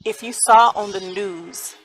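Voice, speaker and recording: A woman acting a grieving mother in a stage play, speaking colloquially and swinging between hushed grief and angry outbursts. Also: mid-range voice, measured pace, faint music behind, natural voice, rough recording. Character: grieving mother, raw with sorrow and rage. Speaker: mother of a son shot by police.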